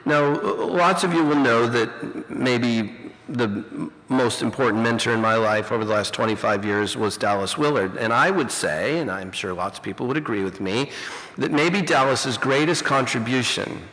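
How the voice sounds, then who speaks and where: With a mid-range, slightly bright voice at normal speed, a middle-aged man preaches as a pastor and teacher. His sermon is reflective and conversational, and he says "you know" a lot. The hall recording is reverberant, fuzzy and distorted.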